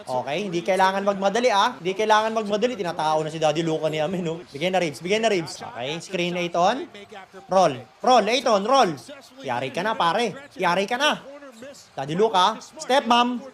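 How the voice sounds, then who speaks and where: Excitable male fan-commentator, very high voice, live game watch-along, shouty and profane. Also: normal speed. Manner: excitable, bursts into shouts and laughs, swears casually. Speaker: basketball fan streamer.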